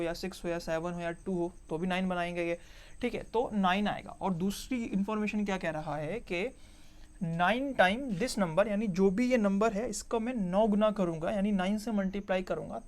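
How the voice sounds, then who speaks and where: Patient step-by-step male math teacher. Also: high-pitched. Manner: explains step by step, repeating each point and checking with "ठीक है"; mixes English math terms into the explanation. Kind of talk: board-work math lesson.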